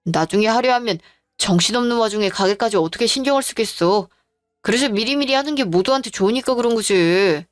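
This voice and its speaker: A woman voicing a husband who makes excuses in a slow, self-justifying way in a dramatized story. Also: on the high side, no echo, studio quality, faint music behind, natural voice. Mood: defensive. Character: evasive husband, defensive and dismissive.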